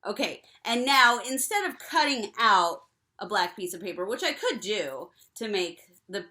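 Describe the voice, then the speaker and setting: A woman's voice: medium pitch, sing-song, unhurried, sharp tone. A young woman giving cheerful step-by-step craft instructions to children. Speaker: teacher.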